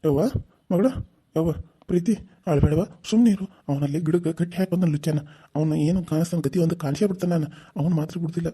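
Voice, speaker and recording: A woman voicing a gruff, protective middle-aged village uncle in a cartoon serial. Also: deep voice, quick pace, dark tone. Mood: comforting.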